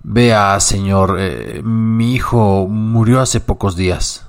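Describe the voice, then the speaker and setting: A man voicing a weary, grieving old sledge driver who speaks in a low murmur. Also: normal speed, darkish tone, natural voice.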